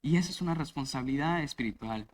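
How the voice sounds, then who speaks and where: A man preaching a church sermon to fathers, emphatic, rising to loud stresses and then dropping to soft asides. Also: medium pitch, fast.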